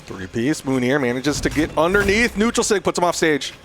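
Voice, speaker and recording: Male esports caster, slightly high voice. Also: expressive, fairly quick, over music. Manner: esports caster calling the action in short bursts. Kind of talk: esports play-by-play commentary on a fighting game.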